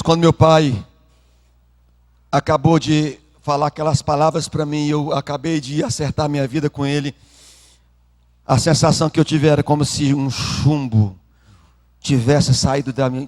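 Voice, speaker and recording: A pastor telling a personal testimony in a sermon, emotional and speaking to the congregation. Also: male voice, a little high, little pitch movement, normal speed, a little mellow. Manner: emotional storytelling, addresses congregation.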